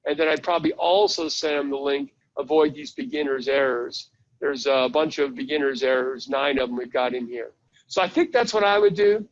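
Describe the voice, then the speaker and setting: A man's voice: mid-range voice, moderate pace. Chatty man teaching over a muffled web call. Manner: chatty, walks listeners through a website step by step. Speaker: webinar presenter. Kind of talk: live online training session.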